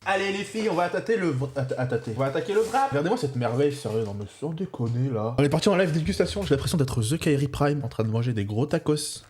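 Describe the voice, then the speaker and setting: Young guy streaming, fast slangy jokey chat with viewers, bouncy voice. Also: a little high, animated, a little mellow, slight background noise. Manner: joking, slangy, reacting to chat. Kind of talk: casual live-stream chat.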